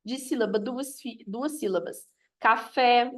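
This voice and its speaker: A woman's voice: a little high, expressive, normal speed. A woman teaching a grammar review lesson, explaining step by step and often checking in with "ok?".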